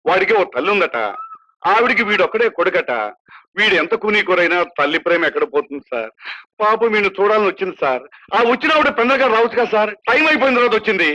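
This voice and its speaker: A man's voice: sits high, fast talker, bright, forceful tone. An actor playing a humble, kind-hearted prison constable who talks earnestly and deferentially to his boss, in a film drama with a dull, lo-fi soundtrack. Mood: chatty, deferential.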